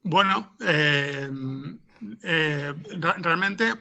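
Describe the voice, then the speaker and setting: Speaking extremely slowly, this Spanish podcast scriptwriter has a slightly high, gravelly, bright voice with a forceful tone and an accent from Spain. As an interview guest answering off the cuff, he hesitates, rambles and repeats words often.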